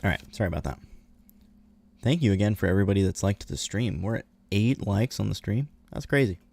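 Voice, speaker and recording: A man's voice: lowish voice, lively intonation, fairly quick, creaky, a little mellow. A man streaming a truck driving game, chatting casually about the drive and eating snacks as he plays. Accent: American. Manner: chatty, laid-back, talks while eating. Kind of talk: casual livestream commentary while gaming.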